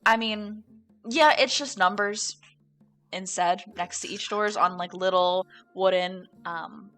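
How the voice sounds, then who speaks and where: A young woman narrating as game master, relaxed and halting, with many fillers. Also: mid-range voice, soft background music.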